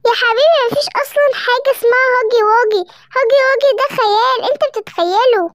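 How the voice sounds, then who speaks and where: A woman's voice: very high voice, no echo. A woman with an Egyptian accent voicing a tender, fretting mother in a children's cartoon. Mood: soothing. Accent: Egyptian Arabic. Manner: fast, fretting and soothing.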